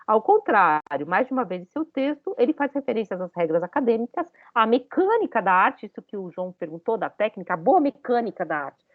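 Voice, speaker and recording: A woman's voice: mid-range voice, sing-song, a little fast, hardly any pauses, no echo, phone-quality sound. A woman giving a university lecture, talking it through with many hesitant fillers and questions to her students.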